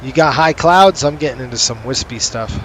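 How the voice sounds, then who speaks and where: A man's voice: mid-range voice, a little fast, fairly bright tone, poor audio. A man chatting casually as a pilot streaming from a flight simulator. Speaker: virtual airline pilot and streamer reading viewer comments. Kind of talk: casual chat while flying a simulator. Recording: clear vehicle-like cockpit noise.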